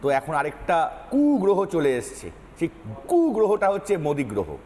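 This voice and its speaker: A man's voice: fairly high pitch, wildly swooping pitch, normal speed, darkish tone, big-room sound, slight background noise. A man speaking as a party spokesperson in a heated television debate, defiant and insistent, repeating his points.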